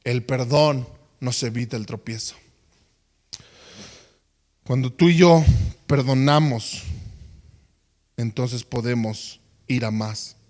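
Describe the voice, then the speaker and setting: A man preaching a sermon, telling a parable with animated delivery and sudden loud peaks. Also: medium pitch, takes it slowly, pauses often.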